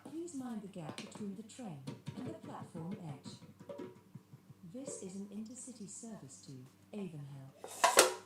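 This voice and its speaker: A woman giving a polite train station announcement over a loudspeaker in a game. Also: measured pace, over loud music. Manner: calm, evenly paced recorded announcement, lively pitch. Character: polite female rail announcer. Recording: echoey loudspeaker with loud game noise.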